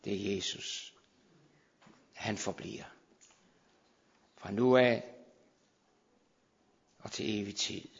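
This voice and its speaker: A man preaching a fervent sermon in a church hall, exhorting, with sudden loud swells and low drops. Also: gravelly, breathy edge. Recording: dull, long-reverb hall sound.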